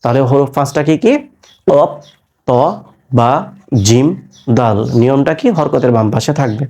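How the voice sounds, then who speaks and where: A man teaching Quran recitation rules in a patient classroom lesson, spelling out syllables, asking his listeners questions and chanting words slowly. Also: medium pitch, dark tone. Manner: patient, repeats syllables and asks rhetorical questions.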